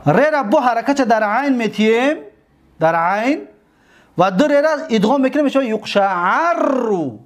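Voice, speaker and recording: Man, Tajik accent, high voice, grammar lecture, slow repeated word drills. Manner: drills word forms slowly, repeating each aloud. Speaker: teacher.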